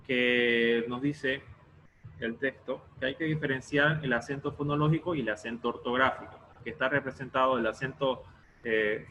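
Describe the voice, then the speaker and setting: Male teacher, bright and forceful, patient step-by-step explainer, dull lo-fi call sound. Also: mid-range voice, a little hiss or hum. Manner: explains step by step, often checks in with a quick question. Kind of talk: online class lecture.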